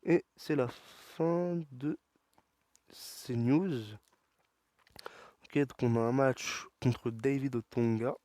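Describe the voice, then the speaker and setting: A man commentating his wrestling video game, excitable and talking back to the characters on screen. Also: medium pitch, drawn-out words, pauses often, no room sound. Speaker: gaming YouTuber. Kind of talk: let's play commentary.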